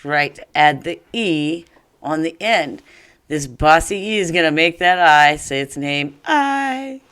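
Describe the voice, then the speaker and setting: A man with a fairly high voice teaches a phonics lesson for young children at a deliberate, unhurried pace. He sounds out words, asks questions and cheers the kids on. The recording is close and dry. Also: bright, forceful tone, clean tone, no room sound. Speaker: first grade teacher.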